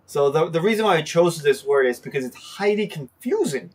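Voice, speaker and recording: A man's voice: a little high, lively intonation, a little fast, distant mic. A man hosting a casual lesson on a Japanese phrase, talking with many fillers and acting out example lines. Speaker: host teaching Japanese phrases.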